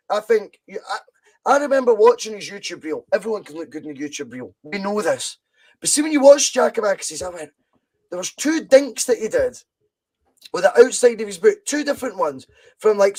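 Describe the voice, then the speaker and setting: A Scottish podcast host talks football casually and passionately, repeating points to drive them home. His voice sits high, and the recording quality is poor.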